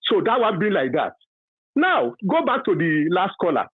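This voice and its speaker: A man in his fifties with a Yoruba accent speaks as a radio caller, his husky voice coming through a thin, dry telephone line. He talks in a halting way, full of fillers and restarts, and he presses his points with emphasis. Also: sits high, wildly swooping pitch, no echo. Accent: Nigerian, Yoruba. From Nigeria. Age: 50s. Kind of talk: call-in radio opinion. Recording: dry tinny phone line.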